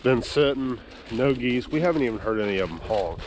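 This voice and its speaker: Recording on an action camera in a rural field, a hunting vlogger chats easily and explains what he is doing. His mid-range voice is darkish, with lively intonation and a brisk pace, and the audio carries a faint hiss or hum.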